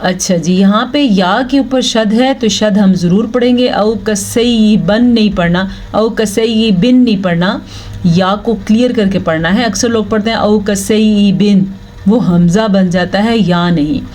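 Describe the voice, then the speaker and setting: A woman teaching Quran recitation rules step by step. She explains each rule patiently, checks in often, then chants the Arabic words slowly. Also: mid-range voice, darkish tone. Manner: checks in with "thik hai" often. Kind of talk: slow, step-by-step tajweed lesson.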